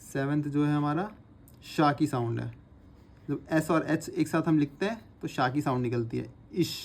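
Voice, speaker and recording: A man teaching a shorthand lesson, his voice a little higher than most men's. He talks patiently and repeats each sound slowly as he writes it out. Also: gravelly. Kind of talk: instructional lesson, repeating drills aloud.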